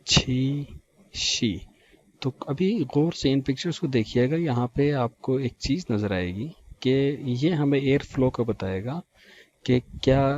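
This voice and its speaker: A man with a Pakistani Urdu accent gives a recorded language lecture, stretching out model words slowly and carefully while mixing Urdu with English. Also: mid-range voice, highs cut off. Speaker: language teacher.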